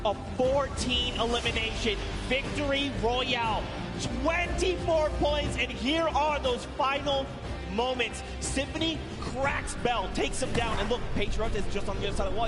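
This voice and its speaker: Hoarse, excitable high-voiced male caster. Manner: excitable, shouts at big plays. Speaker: esports caster. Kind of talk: live esports commentary. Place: arena broadcast desk.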